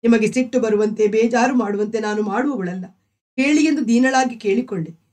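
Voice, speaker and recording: Sorrowful young wife, devout and gentle, pleading, read by a woman storyteller. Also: fairly high pitch, moderate pace, natural voice. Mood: pleading, grieving.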